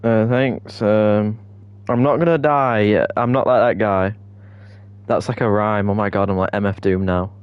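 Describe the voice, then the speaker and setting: Brief: young streamer, melodramatic outbursts, otherwise slow laid-back gameplay chatter. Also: male voice, on the low side, clear, resonant tone, highs cut off. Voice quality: excitable, melodramatic. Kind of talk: casual gameplay commentary.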